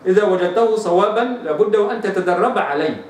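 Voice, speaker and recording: A high-pitched Egyptian man gives a recitation lesson, repeating letter sounds slowly as drills. His voice rings in a very echoey room, heard from some distance with faint noise behind. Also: expressive. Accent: Egyptian Arabic. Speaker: Quran recitation teacher.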